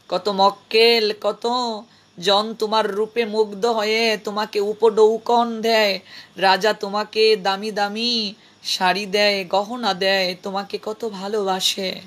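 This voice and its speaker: A man playing a kind old holy man who speaks softly and tenderly, in a gentle, admonishing way. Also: high-pitched. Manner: soft, tender, calls her mother.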